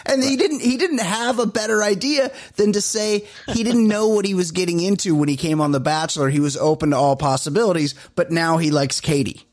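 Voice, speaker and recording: A man's voice: high-pitched, a little fast, hardly any pauses, no echo, clean studio sound. A man co-hosting a podcast, talking loosely and chattily, with lots of "like". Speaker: podcast co-host. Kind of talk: casual chat.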